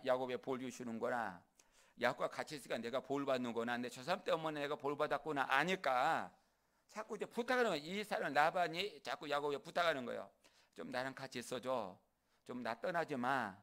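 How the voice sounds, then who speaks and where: A man preaching a sermon as pastor, acting out the lines of biblical figures in a conversational way and having the congregation repeat phrases after him. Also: mid-range voice. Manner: acts out biblical characters' lines in quoted speech, lively and conversational.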